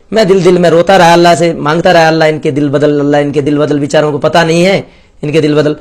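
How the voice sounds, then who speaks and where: Earnest high-voiced man telling his story. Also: darkish tone. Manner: earnest, storytelling with quoted dialogue. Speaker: convert sharing his story. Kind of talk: personal testimony.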